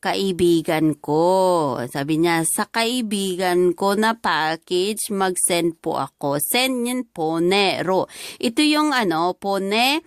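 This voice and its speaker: A woman's voice: fairly low pitch, expressive, slow, clear, resonant tone, no echo. Filipino woman teacher, dry close sound. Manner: mixes languages, explains word by word with many fillers. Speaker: language teacher. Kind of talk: classroom-style lesson explaining dialogue.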